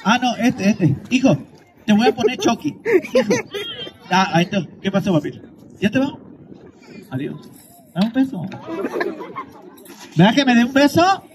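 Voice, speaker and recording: Mexican guy teasing kids on a mic, high voice that swings all over, noisy street around him. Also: very animated, crowd noise. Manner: teasing, rapid, mock-dramatic outbursts. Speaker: street comedian hosting a kids' contest. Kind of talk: comic crowd banter with a mic. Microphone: handheld mic.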